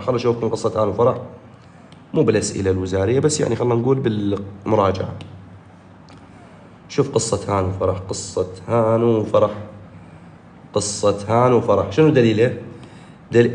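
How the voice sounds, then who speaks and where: Iraqi guy teacher going over exam answers again and again, pitch jumping up, roomy echo. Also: fast, long pauses, slight background noise. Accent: Iraqi Arabic. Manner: repetitive, drilling key points, animated pitch jumps. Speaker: English teacher. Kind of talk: exam review lesson.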